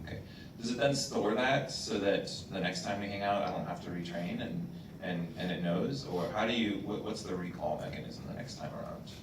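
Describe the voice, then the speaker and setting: Very deep-voiced man judging, distant and roomy. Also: fairly quick. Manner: probing, rephrases questions. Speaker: competition judge. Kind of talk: panel questions. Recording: roomy, distant, noisy hall.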